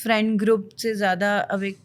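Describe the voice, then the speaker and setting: A woman's voice: medium pitch, little pitch movement, normal speed. A woman interviewer asking the guests questions, switching into English at times.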